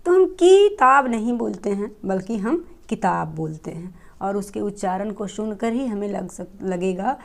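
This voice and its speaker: A woman teacher walks the class through a grammar lesson at an easy, patient pace. Her voice is soft and mellow, and she pauses on fillers and asks the students questions as she goes. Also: mid-range voice, lively intonation, gravelly. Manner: patient explaining, many fillers and rhetorical questions.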